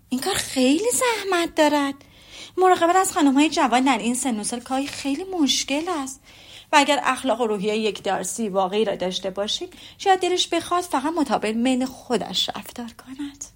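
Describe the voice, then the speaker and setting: A woman reading the lines of a witty, teasing young lady in a storybook, with an ironic, lively manner. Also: high-pitched, pitched above the performer's own voice.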